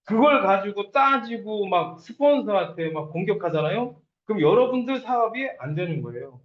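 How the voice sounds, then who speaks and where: A man's voice: high voice, big pitch swings, moderate pace. A man giving a lecture on network marketing, acting out quoted partners and sponsors as he speaks. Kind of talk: lecture to an audience. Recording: dull, echoey room.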